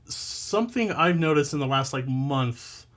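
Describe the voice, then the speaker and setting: Male podcast host, casual chat, self-deprecating humor, quick to laugh. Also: fairly high pitch, lively intonation, fairly bright tone.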